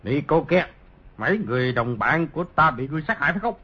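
A man voicing a fierce, hostile lama warrior in an audiobook who shouts threats in a raised voice, on a dull lo-fi recording. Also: high-pitched, animated, rapid-fire, breathy edge, heavily acted. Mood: demanding.

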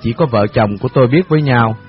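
A man tells a memoir story in a calm, reflective storytelling voice of ordinary pitch. The recording is dull and lo-fi, as on radio. Soft music plays behind him. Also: fast talker. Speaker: narrator.

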